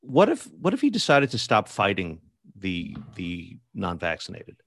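A man on a political talk panel, speaking haltingly with many restarts while he lays out a hypothetical. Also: low-pitched, wildly swooping pitch, gravelly, fairly bright tone. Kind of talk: political commentary.

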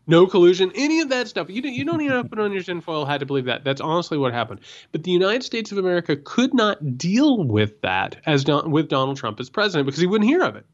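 Animated male political podcaster. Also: high voice, fast, hardly any pauses, muffled recording. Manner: animated, repeats words when building a point. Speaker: podcast co-host. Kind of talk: political commentary chat.

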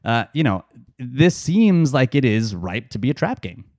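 A man's voice: mid-range voice, very animated, normal speed, a little mellow, dry recording, clean studio sound. A man hosting a casual sports podcast, a bit nasal from seasonal allergies, chatty and joking. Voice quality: nasal from cedar fever. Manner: chatty, joking, loose fillers and laughs. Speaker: podcast host.

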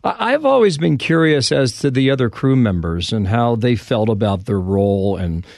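A male podcast host with a gravelly, mid-pitched voice asks conversational questions. He checks details with his guest as he goes. The sound is dry and close. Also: lively intonation, moderate pace, a little mellow, no room sound. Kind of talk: podcast interview.

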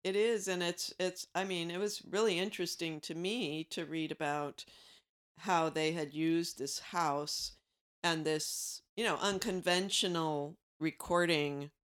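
A woman's voice: on the low side, fairly even intonation, a little slow, fairly bright tone, clear, resonant tone. A woman co-hosting a casual chat, retelling a book with some hesitant fillers.

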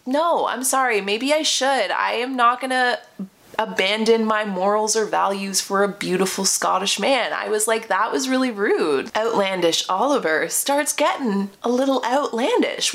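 A woman's voice: fairly high pitch, fairly bright tone. A woman hosting a podcast, telling a dating story in a casual, confiding way with lots of fillers. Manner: chatty, filler-heavy, confiding. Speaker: podcast host.

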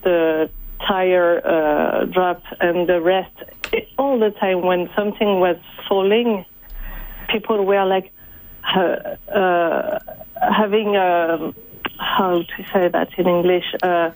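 A Frenchwoman in her forties speaks slowly and haltingly in a lowish voice, as a shaken eyewitness. English is not her first language, and she searches for words in a strong of-the-moment interview account with a French accent. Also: steady tone, a little mellow, low-quality recording. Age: 40s. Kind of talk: live radio interview.

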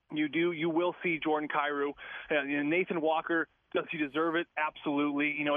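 Male phone-in guest analyst, fast and eager, slightly high voice, tinny line. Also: no room sound. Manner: rapid, eager, with many fillers. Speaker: former player as guest analyst. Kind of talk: sports radio analysis.

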